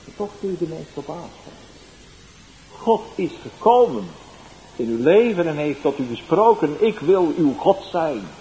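Man preaching a sermon, soft storytelling bursting into loud cries, roomy echo, faint hiss. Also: on the high side, big pitch swings, normal speed. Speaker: evangelist preacher. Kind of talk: sermon with personal testimony.

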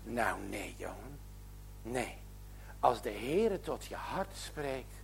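A man's voice: mid-range voice, very animated, takes it slowly, creaky, a little hiss or hum, voice pushed down, exaggerated voice. A man doing a devout, stern old grandmother. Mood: gentle. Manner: earnest, admonishing, preachy. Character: devout elderly grandmother, gentle but stern.

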